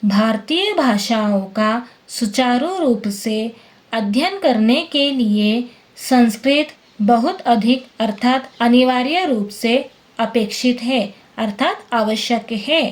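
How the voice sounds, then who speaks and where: A woman's voice: fairly high pitch, animated, slow. A woman teacher explaining a Sanskrit lesson word by word, patiently checking that her students follow. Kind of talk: classroom lesson explaining text line by line.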